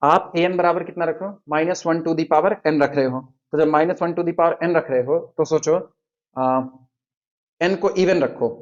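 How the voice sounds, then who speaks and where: A man teaching a math lecture at the board, quizzing his students and slowly counting through terms. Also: a little high, steady tone, muffled recording.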